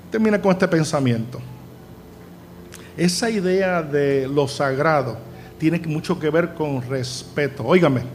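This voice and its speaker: A man preaching a sermon in a fairly high voice. He is emphatic and slows down to press home key points. A faint background noise runs under his voice.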